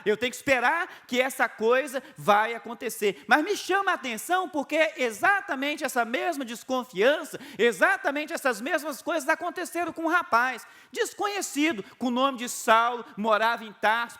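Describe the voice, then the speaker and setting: A middle-aged man with a Brazilian Portuguese accent preaches a video sermon, animated and story-driven. His voice sits high for a man and has a bright, forceful edge. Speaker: pastor.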